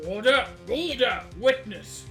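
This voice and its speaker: Woman putting on a loud, stern courtroom judge. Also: on the high side, expressive, slow, faint music behind, pitched above the performer's own voice. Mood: commanding.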